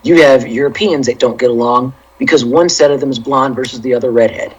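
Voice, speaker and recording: A man's voice: medium pitch, fairly even intonation, a little fast, breathy edge, dull audio. A man co-hosting a casual culture podcast, making his points emphatically and acting out little quoted asides. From Los Angeles area. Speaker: podcast co-host. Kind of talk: casual chat.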